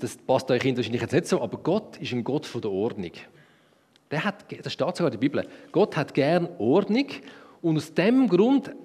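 A man with a Swiss German accent telling a Bible story to children, lively and asking them questions. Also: a little high, slightly rough, long reverb tail.

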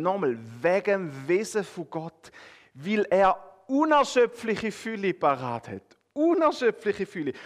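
A man with a Swiss German accent preaching a sermon, talking straight to his listeners and swinging between emphatic, rising phrases and hushed, drawn-out ones. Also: high voice. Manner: addresses listeners directly with a conversational "oder?".

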